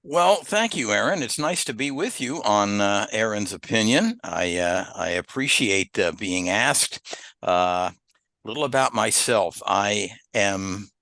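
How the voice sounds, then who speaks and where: A man in his seventies from the Philadelphia area, telling his life story as a podcast guest at an unhurried pace with many "uh" pauses. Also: lowish voice, animated, sharp tone, no echo. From Philadelphia area, USA. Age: 70s. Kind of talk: relaxed interview storytelling.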